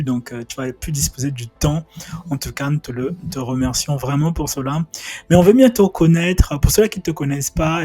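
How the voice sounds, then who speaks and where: A man's voice: medium pitch, a little mellow. A man hosting a podcast interview, asking loose, rambling questions. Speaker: podcast host.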